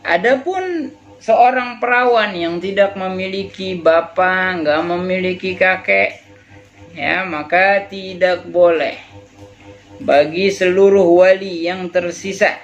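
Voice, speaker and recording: A man's voice: sits high, fairly bright tone. A man with an Indonesian accent teaching a religious text, reading Arabic lines and then explaining them in casual speech. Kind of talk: kitab study lesson. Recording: dull lo-fi recording with faint music.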